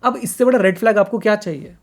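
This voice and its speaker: A man's voice: high-pitched, quick pace, gravelly. Emphatic man co-hosting a podcast. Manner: emphatic, repeats points, mixes in English phrases. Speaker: podcast co-host. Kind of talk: casual podcast discussion.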